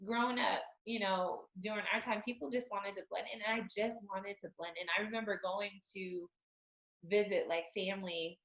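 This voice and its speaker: A woman's voice: mid-range voice, steady tone, normal speed, a bit bright, reverberant, low-quality recording. A woman from Utah, an author, talking candidly and reflectively in an interview, often saying "you know.". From Utah, United States. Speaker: author and guest. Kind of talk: conversational interview.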